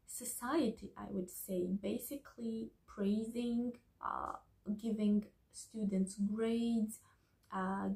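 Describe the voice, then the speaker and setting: A woman giving a soft-spoken ASMR book review, talking slowly and slipping into whispers. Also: medium pitch, vocal fry, poor audio. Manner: slow, soft, partly whispered talk.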